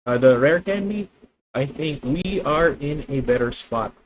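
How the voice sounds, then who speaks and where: A man's voice: fairly high pitch, expressive, measured pace, poor audio. A man with a Filipino accent thinking aloud as he plays a card game on stream, chatting with viewers. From Philippines. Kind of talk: live card game commentary.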